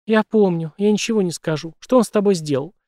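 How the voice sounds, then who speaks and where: A man's voice: sits high, quick pace, warm tone, no room sound, studio quality, voice pushed up, lightly acted. A man reading an audiobook, voicing a frightened young woman in a raised, strained, pleading voice.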